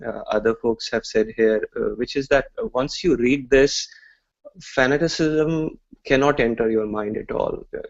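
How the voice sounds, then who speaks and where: A man giving a reflective religious commentary in a hesitant, measured way over an online group call. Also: lowish voice, a little mellow. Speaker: discussion participant. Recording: dull lo-fi online call audio.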